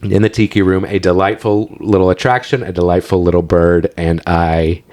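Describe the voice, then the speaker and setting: Male podcast co-host, lower voice, upbeat trivia-sharing banter. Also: level tone, moderate pace, darkish tone. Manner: enthusiastic, chatty, trivia-sharing. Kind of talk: casual chat.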